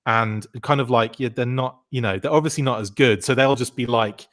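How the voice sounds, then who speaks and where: Guy in his 40s rambling through old memories, lots of ums and likes, middle pitch. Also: fairly quick, a bit bright. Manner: rambling, full of fillers and restarts. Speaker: podcast guest. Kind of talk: casual chat.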